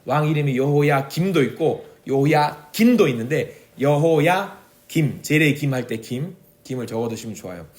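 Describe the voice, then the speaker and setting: A man's voice: on the high side, normal speed. A man preaching as a pastor at a weekly prayer meeting, explaining scripture, quizzing the congregation and acting out heartfelt pleas to God. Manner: animated teaching, acts out pleading dialogue with God; asks the congregation questions, gives note-taking instructions. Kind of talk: Bible study sermon at a prayer meeting.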